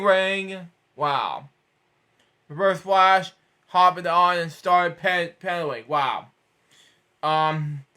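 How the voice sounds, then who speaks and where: Reading a children's storybook out loud, this man trips over words and wanders into rambling digressions. His voice sits high and sounds pushed and bright.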